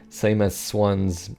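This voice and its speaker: Man, 20s, very low, mellow dark tone, tired voice, dry offhand Q&A host. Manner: dry, self-deprecating, offhand. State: losing his voice. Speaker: bass cover channel host. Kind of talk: casual Q&A answering viewer questions.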